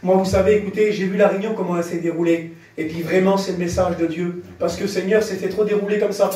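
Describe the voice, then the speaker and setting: A man preaching a fervent sermon to a congregation, speaking directly to them and rising into shouts. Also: high voice, steady tone, quick pace. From France. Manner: impassioned, rises to shouts, addresses the crowd directly. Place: church. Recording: very echoey church hall, heard from a distance.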